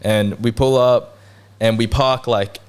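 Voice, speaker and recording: A man's voice: medium pitch, fairly even intonation, takes it slowly, a little mellow, clear, resonant tone. A young Australian man telling a story in casual podcast chat, laid-back and slangy, full of "like" and "bro".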